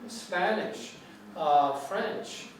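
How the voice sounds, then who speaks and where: A high-pitched, animated man speaks very slowly while giving students an English lecture in his New York accent. An American, he sounds reassuring and rambles, often starting over; the recording is noisy, with a distant mic and hall echo.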